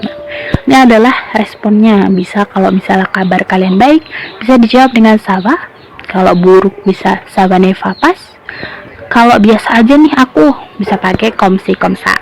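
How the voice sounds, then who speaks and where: A young woman talks through a lesson in a casual, chatty way. She explains slowly, using small fillers as she goes. Her voice sits at a middle pitch. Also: vocal fry, a little hiss or hum, low-quality recording. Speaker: teacher.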